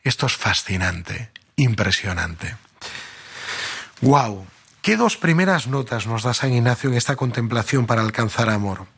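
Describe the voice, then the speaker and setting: A man's voice: mid-range voice, lively intonation, unhurried, fairly bright tone, husky. A man preaching a sermon, telling a story conversationally, full of fillers, rising to emphatic peaks.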